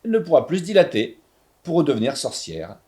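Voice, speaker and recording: A wise shopkeeper from a storybook explains things slowly in a low, patient voice, as a male reader plays him. His pitch stays lively and varied. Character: calm, wise grown man, a shopkeeper. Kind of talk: storybook reading.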